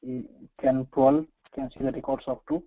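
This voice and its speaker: This Indian-accented trainer has a medium pitch and a flat delivery as he guides viewers through a software tutorial on a shared screen. He speaks haltingly and repetitively, often checking with "right" or "okay." Echo fills the room, and the lo-fi audio is slightly dull.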